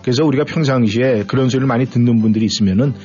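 A man's voice: mid-range voice, very fast, mellow, faint music behind. A man hosting a radio show, chatting casually and playfully mimicking dialects. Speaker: radio host. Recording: muffled radio broadcast.

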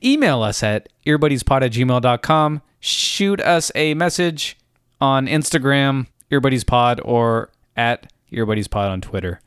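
A man's voice: mid-range voice, expressive, a little slow, a bit bright, clean tone, no room sound, studio quality. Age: adult. Sex: man. Role: podcast co-host. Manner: stiff, beeping mock robot voice while reading out contact details. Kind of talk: casual chat.

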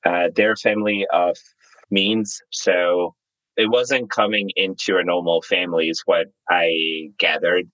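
A man's voice: low-pitched, measured pace, dry recording, lo-fi sound. A man in his thirties from Zimbabwe, a startup founder telling his story candidly as an interview guest. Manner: candid, relaxed, storytelling with fillers.

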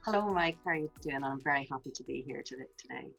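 A woman, a charity's chief executive, answers interview questions in a measured, explaining way over a degraded internet connection. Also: rumbling low, gravelly, a bit bright, breathy edge, no echo, faint music behind. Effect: degraded internet connection audio. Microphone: remote call. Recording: dull lo-fi dry call audio.

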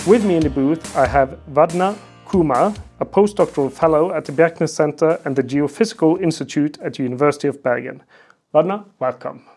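A man's voice: a little high, fairly quick, a little mellow, husky, faint music behind. A man hosting a podcast interview in a festival booth and asking questions in a casual, easygoing way. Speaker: podcast host.

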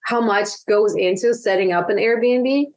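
A woman's voice: medium pitch, unhurried, a little mellow. A woman being interviewed on a podcast, chatting with lots of fillers and restarts. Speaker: guest, virtual assistant business owner.

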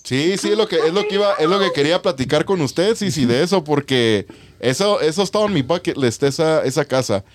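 A man's voice: a little high, expressive, fairly quick, no room sound. A man hosting a casual livestream, often repeating short affirmations and adding question tags. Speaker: livestream host.

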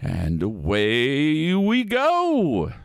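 A man's voice: a little high, huge pitch swings, extremely slow, vocal fry, soft background music, heavily acted. Man playing a theatrical spooky ride narrator, wildly swooping. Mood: theatrical welcome. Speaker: host of a horror dark-ride comedy podcast.

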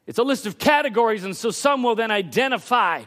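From the pulpit during a church service, a high-pitched male pastor preaches a sermon to his congregation, his voice leaping up and down as he presses each point. He's animated, moving between quick conversational asides and sudden shouted emphasis.

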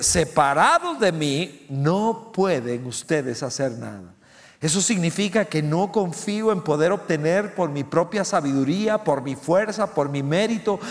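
A middle-aged man preaching a sermon, emphatic, with loud stressed lines and soft low asides. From Central America. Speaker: pastor. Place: church sanctuary. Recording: long church hall reverb.

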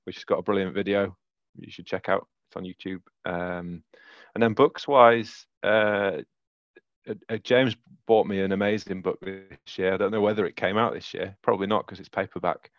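A man with a Yorkshire accent talks through his favourites of the year in a relaxed, rambling way, full of ums and easy laughs. His voice sits low, and the sound is dry and a little dull, as if through a modest microphone. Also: normal speed, no room sound. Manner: laughing, rambling with many fillers. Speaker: podcast co-host. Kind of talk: casual chat.

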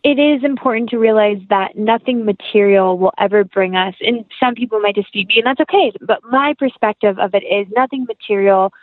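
A young woman, an actress appearing as a podcast guest, chats in a casual interview with an earnest, heartfelt, rambling manner. Her medium-pitched voice moves fairly quickly with few pauses. The recording is dry and sounds tinny, like a phone line.

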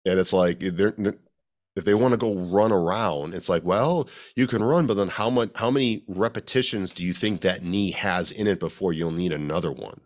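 A man's voice: low-pitched, moderate pace. A man co-hosting a casual podcast chat as a fitness coach, rambling with many restarts and fillers.

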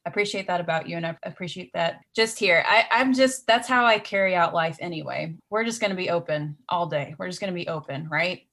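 A woman's voice: on the low side, fairly quick, hardly any pauses, fairly bright tone. A middle-aged woman talking as a guest in a casual conversation, earnest and laughing often.

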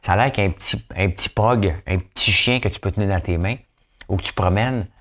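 A man's voice: sits low, brisk, fairly bright tone. A man with a Québécois accent hosting a podcast in casual, playful commentary, often tossing in a questioning "hein?". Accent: Québécois French. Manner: playful, chatty, keeps asking "hein?". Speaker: podcast host.

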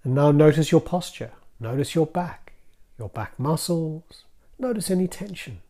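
A man guiding a calm grounding exercise in a gentle, soothing manner, leaving deliberate pauses between short phrases. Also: on the high side. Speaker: mindfulness practice guide.

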